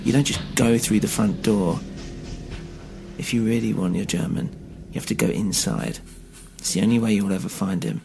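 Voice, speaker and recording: A man's voice: on the low side, lively intonation, normal speed, creaky, darkish tone, a little hiss or hum. A man voicing a stern, guarded woman with a thick Polish accent who speaks in terse, grave warnings.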